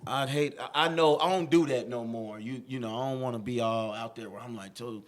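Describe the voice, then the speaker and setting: A man guesting on a comedy podcast as a comedian, boisterous and quick to laugh. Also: mid-range voice. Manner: boisterous, laughing, swearing freely. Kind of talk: casual comedy podcast chat.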